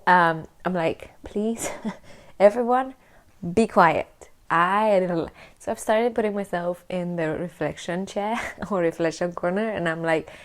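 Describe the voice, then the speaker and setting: A woman's voice: lowish voice, normal speed, hardly any pauses. Chatty woman vlogger, often laughing. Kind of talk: casual chat to camera.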